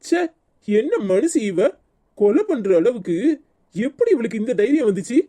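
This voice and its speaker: A performer voicing a gentle, devoted young husband in a cartoon serial, speaking with a Tirunelveli Tamil accent in an earnest, soothing way. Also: mid-range voice, very animated, moderate pace. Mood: indignant. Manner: soothing, earnest, indignant at the mother-in-law.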